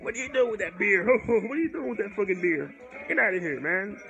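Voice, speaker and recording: Man putting on a drunk, high-pitched protesting Christmas character. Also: lively intonation, fairly quick, creaky, pushed and bright, faint music behind, exaggerated voice, rough recording. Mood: indignant. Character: tipsy, protesting male elf and beer-wanting Santa.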